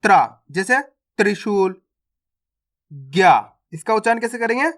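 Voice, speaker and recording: A man's voice: high voice, animated, unhurried, fairly bright tone. A man teaching the Hindi alphabet online, drilling each syllable and asking the viewer how to pronounce it.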